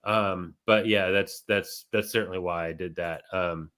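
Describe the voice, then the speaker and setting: A man's voice: deep voice, steady tone, unhurried, fairly bright tone, smooth. A man co-hosting a casual talk show, explaining things step by step in a conversational way. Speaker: co-host. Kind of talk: casual chat.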